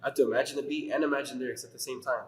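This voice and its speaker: A young man from Tulare County, California, is interviewed as a rapper in an echoey room with long reverb. His medium-pitched voice races along with fairly even intonation as he chats casually in a slangy, profane skater-dude style.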